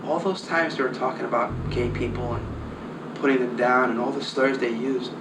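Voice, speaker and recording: A man's voice: mid-range voice, fairly even intonation, normal speed. A man recalling his past in a reflective documentary interview, sometimes dropping almost to a whisper. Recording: roomy, distant mic with background noise.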